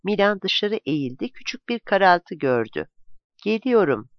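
A narrator reading a novel aloud in a dramatic, lively way, in a dull, dry, lo-fi recording. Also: medium pitch, moderate pace, no room sound.

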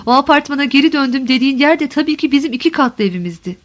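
A woman's voice: high-pitched, animated, rapid-fire. A woman voicing a middle-aged married woman who pleads tenderly and emotionally with her former lover, in an audiobook reading. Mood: insistent.

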